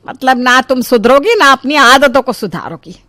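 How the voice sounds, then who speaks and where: A woman's voice: high-pitched, lively intonation, normal speed, bright, forceful tone, no room sound, studio quality, pitched above the performer's own voice. A woman voicing an exasperated, sarcastic middle-aged mother-in-law scolding her daughter-in-law in a cartoon story. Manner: nagging, sarcastic.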